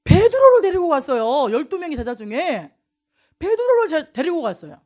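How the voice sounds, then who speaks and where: A woman missionary preaching a sermon in a church, swinging from loud exclamations to soft, hushed asides. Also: high-pitched, sing-song, normal speed. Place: church sanctuary.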